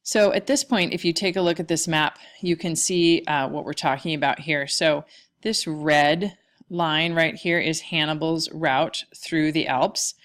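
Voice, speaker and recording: A woman with a low voice gives a history lecture, pointing to maps and slides as she goes. Her delivery is casual and loose, full of small fillers and restarts. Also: fairly even intonation, unhurried, fairly bright tone. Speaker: history teacher. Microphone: lecture recording mic.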